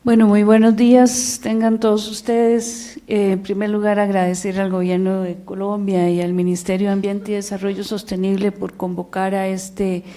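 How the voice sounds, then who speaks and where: Mellow-voiced Costa Rican woman on a panel. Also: medium pitch, little pitch movement. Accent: Costa Rican Spanish. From Costa Rica. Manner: measured, pausing often with filler sounds. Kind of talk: panel discussion remarks.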